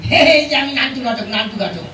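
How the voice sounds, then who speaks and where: A man playing excitable, stubborn village men in a comic puppet show, repetitive and insistent. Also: high-pitched, fast talker, slight background noise, pitched above the performer's own voice. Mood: eager. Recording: roomy, distant pickup with music.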